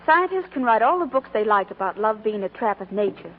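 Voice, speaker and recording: An actress voices an earnest, plainspoken young working woman in love in the style of 1940s radio, using an American accent. Her mid-range, near-everyday voice swings widely in pitch and moves a little fast, sounding wistful and sincere. The recording is a muffled old radio broadcast with music and slight background noise.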